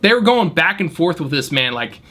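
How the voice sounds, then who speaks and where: A man casually telling an animated story about his valet job, often laughing as he talks. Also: fairly high pitch, normal speed.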